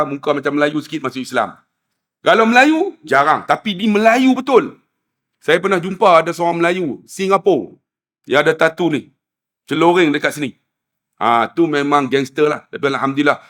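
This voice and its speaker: A man's voice: a little high, fairly bright tone. A man with a Malaysian Malay accent preaching a sermon, telling stories animatedly and acting out the dialogue. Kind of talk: storytelling sermon.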